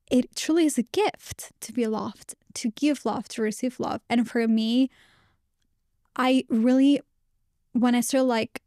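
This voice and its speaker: Higher-pitched woman, candid podcast host. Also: darkish tone, no room sound, studio quality. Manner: candid and reflective, many restarts. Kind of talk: casual conversation.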